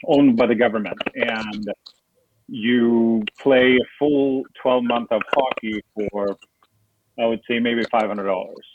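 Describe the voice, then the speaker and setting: A man's voice: medium pitch, steady tone, unhurried. Man on a tinny line. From Sweden. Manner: rambling, many fillers and restarts. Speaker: guest, foundation founder. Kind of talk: casual interview over a call. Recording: tinny phone-like line with noise.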